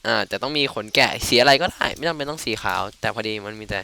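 A man's voice: medium pitch, quick pace, creaky, pushed and bright. A man casually commenting on his game playthrough, joking and swearing as he goes. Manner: crude, joking, rambling. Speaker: gamer. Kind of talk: casual let's play commentary.

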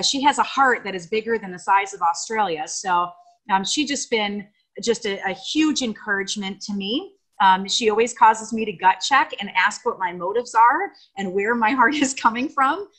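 A woman's voice: medium pitch, fairly bright tone, poor audio. An American woman on a video call giving an emotional, gushing tribute to a friend, rambling with fillers. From United States. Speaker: guest speaker on video call. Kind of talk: heartfelt tribute speech.

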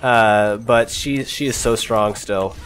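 A young gaming channel host with a cold speaks in a congested voice during casual gameplay commentary, chatty, laughing and swearing at close calls. His fairly low, slightly bright voice is slow with fairly even intonation. The recording is rough with slight background noise, and game music and sounds play clearly underneath.

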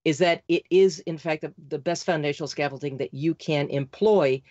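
A woman being interviewed as a podcast guest, talking quickly and insistently, like an auctioneer. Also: low-pitched, mellow, no room sound, highs cut off. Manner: insistent, rapid, talks like an auctioneer. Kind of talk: fast, emphatic interview talk.

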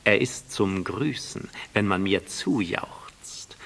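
A vain, pompous man craving admiration, stretching his words out grandly and loudly, as a male narrator puts him on. A gravelly, husky grain runs through the voice, in the manner of a storybook audiobook. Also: low voice, lively intonation, takes it slowly, whispered, full character voice. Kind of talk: audiobook reading.

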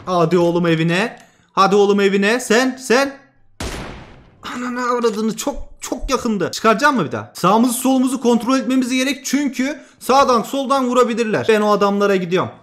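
Young male gaming host, very high voice, hyped trash-talk commentary over gameplay. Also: slight background noise. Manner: excitable, trash-talking, swings from loud to muttering.

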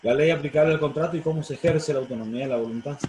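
Profesor argentino de mediana edad, clase por videollamada, algo de ruido de fondo. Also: male voice, fairly high pitch, very fast, a little mellow. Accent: Argentine Spanish. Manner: explanatory, frequent fillers and self-corrections. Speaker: law professor. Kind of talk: online university lecture. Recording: roomy sound, faint noise.

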